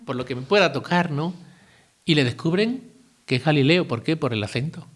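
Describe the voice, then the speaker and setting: Chatty older priest with a lighter voice. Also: male voice, on the high side, expressive, brisk. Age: 50s. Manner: conversational, asks listeners rhetorical questions, adds asides and jokes. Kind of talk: retreat talk.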